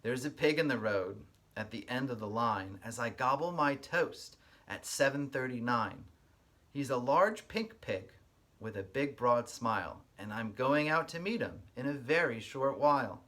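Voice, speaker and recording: At a measured pace, a male kindergarten teacher with a mid-range voice reads to young kids with lots of feeling. He clarifies things in straightforward language.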